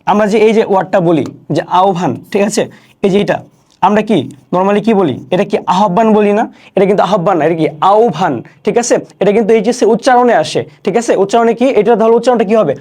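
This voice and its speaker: A young man teaching an online class, explaining each word slowly and repeating questions and answers. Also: high-pitched, a little mellow. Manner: recites poem lines slowly.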